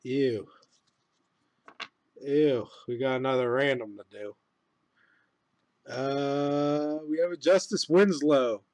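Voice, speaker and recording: A man hosting a live sports card break, announcing each card pulled with a slow, loud build and casual laughing asides. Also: mid-range voice, no echo, low-quality recording.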